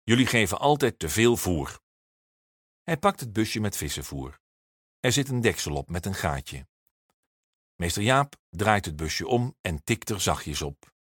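Lively male storybook narrator. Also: deep voice, unhurried, dry recording, studio quality. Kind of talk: storybook reading for children.

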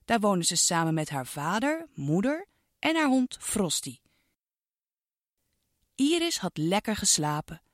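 A woman narrating a children's storybook with an expressive, sing-song delivery aimed at a child listener. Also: medium pitch, unhurried, pauses often, dry recording, studio quality.

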